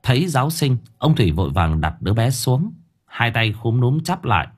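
Brief: male audiobook narrator, deep husky voice, animated intonation. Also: normal speed. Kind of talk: scripted narration.

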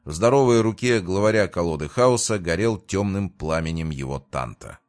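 A man narrating a fantasy audiobook in a measured, even reading voice. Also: deep voice. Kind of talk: scripted narration.

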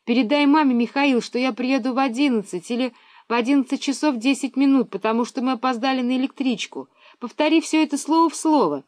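A woman's voice: high-pitched, fast, a little mellow, no echo, voice pushed up, natural voice. A woman reading aloud and voicing a bossy, fussy schoolgirl who talks on the phone in a raised, insistent, childlike voice.

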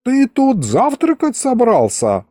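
A folksy old village grandfather who rambles and teases in quaint rustic speech, played by a man reading an audiobook. The voice sits high and leaps about a lot. Each line is drawn out slow over a mellow tone. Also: big pitch swings, no echo, studio quality. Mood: fussy, rambling.

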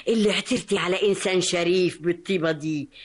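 Lady doing a feisty egyptian auntie, scolds fast and fusses over her niece, old radio play. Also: lowish voice, natural voice. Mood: doting. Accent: Egyptian Arabic. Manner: folksy, quick to scold, affectionate. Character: sharp-tongued motherly aunt, fiery yet doting. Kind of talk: vintage radio drama acting.

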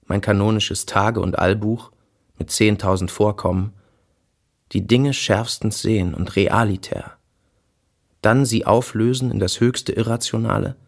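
An actor reading a wandering poet-philosopher's diary entries in a literary radio feature, solemn and ecstatic. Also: male voice, on the low side, vocal fry.

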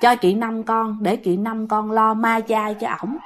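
Woman as a young man, calm, quiet, resigned, gentle. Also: a little high, a little slow, a little hiss or hum, natural voice.

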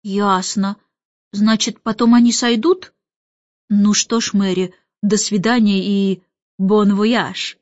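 A woman voicing a flustered, courteous middle-aged gentleman who speaks hesitantly in an audiobook. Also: mid-range voice, fairly even intonation, takes it slowly, dry recording, natural voice. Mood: ceremonious. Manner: hesitant and ceremonious. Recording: muffled audiobook with faint music.

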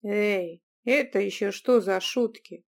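A woman voicing a teasing, bossy young man who talks in a brash, mock-gruff way. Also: medium pitch, slow pace. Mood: worried.

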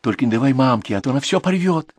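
A man's voice: medium pitch, expressive, quick pace, slightly rough, dry recording, pitched above the performer's own voice. A man voicing a young village girl who pleads and talks back in an audiobook. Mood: pleading. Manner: pleading, then sharply defiant.

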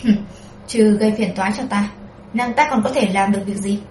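A woman's voice: on the high side, fairly even intonation, fairly quick, a little mellow, echoey room, slight background noise, close to an everyday voice. Woman reading as a curt, impatient emperor. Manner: curt, contemptuous. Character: impatient, vain emperor, man.

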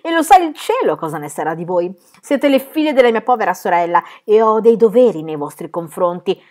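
A woman's voice: lowish voice, moderate pace, natural voice. A woman doing a stern scolding old aunt. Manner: loud, scolding, emphatic. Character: stern domineering older aunt, scornful. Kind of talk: audiobook reading.

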